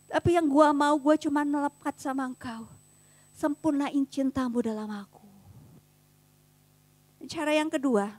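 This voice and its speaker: Young woman preacher, high voice, dry close sound, casual fervent sermon. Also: no echo. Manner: casual slangy preaching, swings between soft and fervent. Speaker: youth preacher. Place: church youth service.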